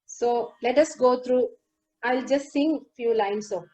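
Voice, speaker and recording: A woman giving a lecture demonstration over a video call, explaining song lyrics line by line and singing a few verses slowly. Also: a little high, a little mellow, low-quality recording. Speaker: lecturer on Carnatic music. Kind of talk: lecture demonstration with sung lines.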